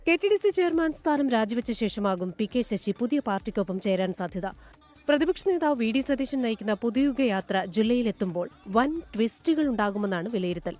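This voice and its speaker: A woman reporter reads a scripted news report in a measured, formal voice. Her tone is mellow and sits a little high. Faint music plays underneath.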